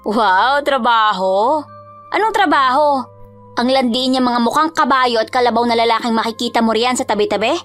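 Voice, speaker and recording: A woman's voice: fairly high pitch, moderate pace, fairly bright tone, faint music behind, close to an everyday voice. A woman voicing a young woman in her twenties who scolds her twin sister in an exasperated, reproachful way.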